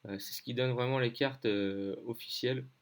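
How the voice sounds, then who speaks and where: A man's voice: mid-range voice, steady tone, normal speed. A man from France giving a casual screen-share lesson on weather maps, hesitant, with many fillers as he thinks aloud. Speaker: weather-map tutor.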